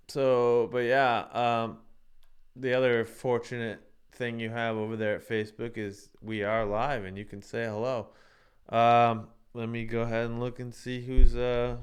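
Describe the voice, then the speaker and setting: Angry profane man with a smooth, low voice. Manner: heated, profane ranting. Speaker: livestream show host. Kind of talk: live-streamed casual monologue.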